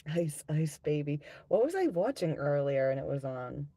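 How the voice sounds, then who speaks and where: A man with a relaxed, mellow voice hosts a casual live stream. His voice is gravelly and full of fry, like a long-time smoker's. He talks bluntly and conversationally to viewers and swears freely. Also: a little high, moderate pace, no echo. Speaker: live stream host and tarot reader.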